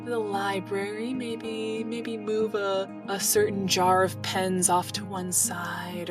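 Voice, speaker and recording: Woman doing a sweet motherly mentor lady, says dear a lot, low voice, a bit off mic. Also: distant mic, natural voice. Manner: affectionate, calls others dear. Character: gentle older female mentor, motherly.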